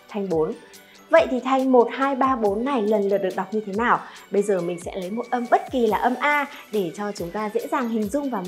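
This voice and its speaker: A woman in her thirties from Vietnam teaching a Chinese pronunciation lesson, speaking directly to learners and demonstrating tones with drawn-out vowel sounds. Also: fairly high pitch.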